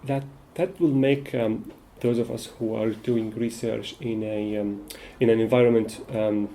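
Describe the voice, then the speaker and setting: A man facilitating a casual group discussion, speaking hesitantly with many filler pauses. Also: on the low side, steady tone, warm tone, a little hiss or hum, low-quality recording.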